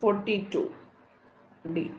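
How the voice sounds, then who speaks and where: A woman teacher with a Malayali accent goes through exam answers with her students in a quick, conversational way, quizzing them as she goes. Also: echoey room, dull audio, a little hiss or hum.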